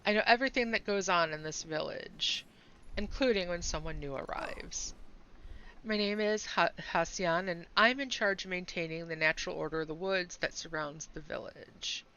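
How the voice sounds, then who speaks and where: A woman's voice: fairly low pitch, moderate pace, sharp tone, clean tone, muffled recording. A woman reading aloud the lines of a stern solitary male hunter who guards the woods, in a dry, curt delivery close to her own voice.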